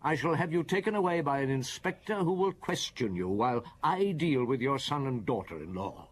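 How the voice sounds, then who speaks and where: In a radio detective drama, an actor plays a weary, relentless middle-aged chief inspector who speaks formally and deliberately. His mid-range male voice is expressive and lightly acted, with a stern mood.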